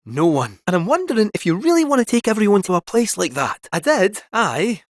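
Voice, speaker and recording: This game voice-over features a man playing a talkative, conniving male robot cat with a Scottish brogue. His brisk, showy, jaunty performance swoops through big pitch swings, recorded at studio quality with no room sound.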